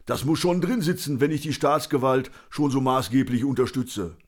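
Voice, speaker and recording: Crusty old street brawler, scornful and barking, voiced higher by a male audiobook reader. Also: normal speed, close to an everyday voice. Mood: mocking. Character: grumpy aging homeless man, foul-mouthed brawler.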